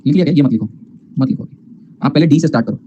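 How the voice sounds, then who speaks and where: Guy teaching accounts, rattles thru formulas fast, mellow kinda voice, quizzes then answers himself. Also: a little high, highs cut off, a little hiss or hum. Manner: mixes English terms, calls students "beta", asks and answers own questions. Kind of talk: classroom lecture.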